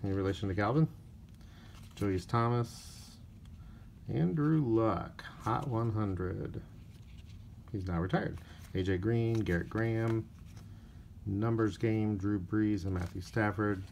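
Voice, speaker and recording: A man's voice: fairly low pitch, a little hiss or hum. A man opening card packs on camera, casually talking through each one and listing player names, a little tired. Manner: unhurried, reads off player names in a flat list. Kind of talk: casual pack-opening commentary. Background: crinkling wrappers and card clicks.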